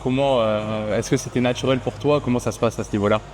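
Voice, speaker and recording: A man in casual conversation, a fellow content creator, relaxed and with many fillers. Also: mid-range voice, quick pace, soft background music.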